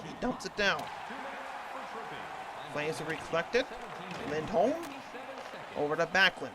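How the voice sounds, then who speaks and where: A man calling hockey play-by-play over a video game in the manner of a TV sports announcer. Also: fairly high pitch. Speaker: sports commentator.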